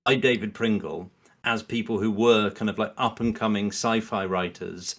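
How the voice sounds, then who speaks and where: A man with a lowish, steady, fairly bright voice talks at a normal speed as a podcast guest. He rambles through his opinions in casual chat, hedging a lot and acting out imagined quotes.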